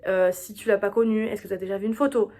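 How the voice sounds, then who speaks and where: A woman's voice: mid-range voice, fairly even intonation, fast talker, a little mellow. A young woman hosting a solo podcast, chatting casually and confidingly, often coming back to the same phrase. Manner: chatty, confiding, repeats herself. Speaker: podcast host.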